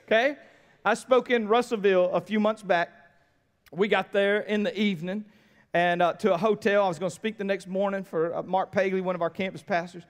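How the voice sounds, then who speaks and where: An American man preaching a sermon as pastor, telling lively stories that swing from quiet lines to shouts. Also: high-pitched, big-room sound. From United States. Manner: animated storytelling, shifts from quiet to shouting.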